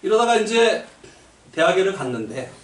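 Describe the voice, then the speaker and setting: A man tells his testimony from the pulpit with animated swings in pitch, breaking into shouts and laughter. His voice rings through a reverberant hall and reaches the microphone from some distance, over a faint room hum. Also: moderate pace. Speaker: lay preacher giving a testimony. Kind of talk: sermon testimony. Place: church meeting hall. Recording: echoey hall, mic from a distance.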